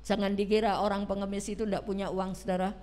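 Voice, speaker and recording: A woman's voice: medium pitch, flat delivery, fast talker, dark tone. A woman preaching a Sunday sermon, retelling a story dramatically and putting questions to the congregation.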